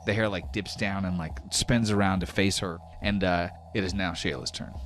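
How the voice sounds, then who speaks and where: With a low voice and fairly even intonation, the game master of a tabletop role-playing podcast narrates at a moderate pace, mixing story with rules in a casual, descriptive way. A little hiss or hum sits under the recording.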